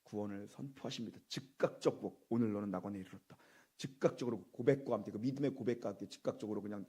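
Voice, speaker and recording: A man's voice: lowish voice, quick pace, dark tone, husky. A man preaching a Good Friday sermon as pastor, repeating key phrases with emphasis and quizzing the congregation. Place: church sanctuary.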